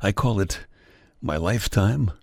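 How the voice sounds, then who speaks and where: A Brooklyn-born radio humor host delivers a scripted comic monologue in a wry deadpan, chuckling at his own jokes. His lowish voice is unhurried and creaky, captured in studio quality with no echo.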